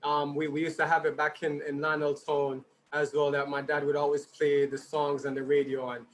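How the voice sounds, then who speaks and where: A man with a slightly high voice and a completely flat delivery speaks at normal speed over slight background noise. Hosting a birthday tribute for his father, he reads out messages with chatty, informal asides and slight stumbles, his voice tiring and turning slightly hoarse.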